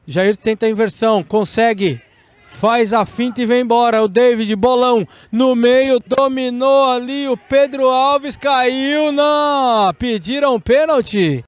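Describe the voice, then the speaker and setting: A man's voice: very high voice, unhurried, clean tone, no echo. A man with a Brazilian accent giving live play-by-play commentary on a football match.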